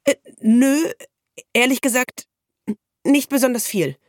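A woman's voice: high voice, slow, dry recording, voice pushed up. A woman voicing a touchy, easily flustered schoolgirl, recorded dry and close. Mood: stammering. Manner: flustered, snappy.

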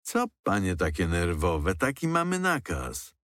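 A man's voice: sits low, huge pitch swings, unhurried, a bit bright, no echo, clean studio sound, heavily acted. A man voicing a slightly frightened middle-aged policeman justifying his orders. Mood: defensive.

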